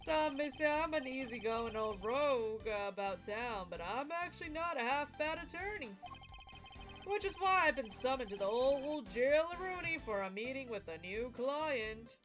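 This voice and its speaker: A woman plays a breezy rogue of a male attorney in a video game. He talks in showy, drawn-out vintage slang, high-pitched for the part, with music underneath. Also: expressive. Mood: jaunty, teasing.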